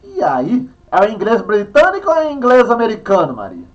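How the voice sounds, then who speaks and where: A man's voice: high-pitched, wildly swooping pitch, brisk, muffled recording. A Brazilian man teaching an online history class, chatty and playful, with a Minas Gerais accent.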